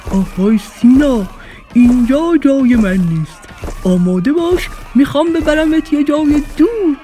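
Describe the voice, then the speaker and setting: A woman doing a booming friendly dinosaur. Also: animated, natural voice. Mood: bold. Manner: loud, deeper, booming calls. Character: friendly giant dinosaur, bold and carefree.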